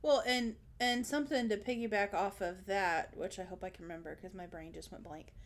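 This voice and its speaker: A woman co-hosting a casual book chat, excitable and rambling, often laughing. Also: medium pitch, fairly quick. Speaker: podcast co-host.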